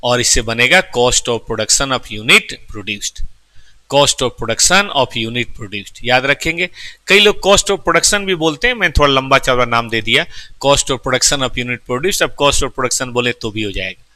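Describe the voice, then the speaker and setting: A man teaches a lecture class in a very bright, keen voice, explaining each term step by step. He keeps asking his students questions and talks to them fondly. The sound is dry and close, with no room echo. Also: mid-range voice, animated, slow. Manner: affectionate, calls students "beta".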